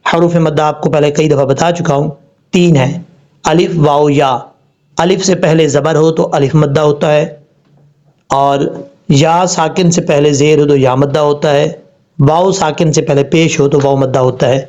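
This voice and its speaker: Male tajweed teacher, slightly high voice, patient step-by-step delivery, dull lo-fi recording. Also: steady tone, darkish tone. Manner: patient, step-by-step explanation with slow spelled-out recitation. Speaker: Quran recitation teacher. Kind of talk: tajweed lesson. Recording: dull lo-fi sound.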